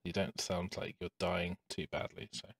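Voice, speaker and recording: A man's voice: deep voice, moderate pace, gravelly, a crowd in the background. A man hosting a podcast from his home hobby room, chatting casually with lots of fillers and restarts. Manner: relaxed and chatty, with frequent "um" and restarts. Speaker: podcast host.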